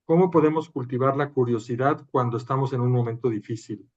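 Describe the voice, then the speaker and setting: A man's voice: mid-range voice, fairly quick, a little mellow. A man moderating a webinar, reading out audience questions and briefly affirming the guest's answers. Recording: dull lo-fi audio.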